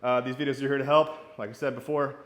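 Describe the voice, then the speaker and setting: A man's voice: medium pitch, little pitch movement, fast talker. A man coaching golf fitness, demonstrating exercises while talking casually and encouragingly in a hot home garage, a little out of breath. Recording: echoey garage.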